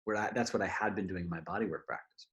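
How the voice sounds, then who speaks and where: A man who teaches yoga nidra, a guest telling a personal story in conversation, animated and laughing often. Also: deep voice, fast. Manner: animated, acts out what people said, laughs often.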